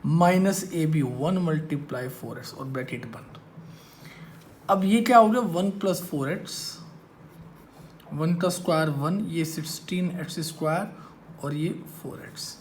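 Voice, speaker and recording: A man's voice: fairly high pitch, a little slow, a little hiss or hum. Man teaching maths in a classroom. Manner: teasing, quizzes students with questions. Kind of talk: classroom lecture. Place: classroom with students.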